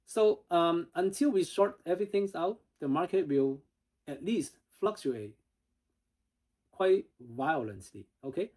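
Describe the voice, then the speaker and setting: A man with a somewhat high but mellow, warm voice that is wearing thin and starting to go. He talks straight to his viewers in a casual way, calling them "guys" as he walks through market commentary. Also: expressive, a little slow, poor audio. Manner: direct, addresses viewers as "guys". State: losing his voice. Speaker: investing channel host.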